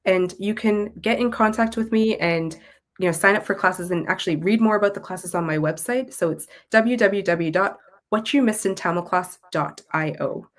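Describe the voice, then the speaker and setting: Here the Toronto-based guest, who creates content and teaches Tamil, talks at a normal speed with a mid-range pitch. Her Canadian accent comes through as she chats reflectively and articulately in an interview.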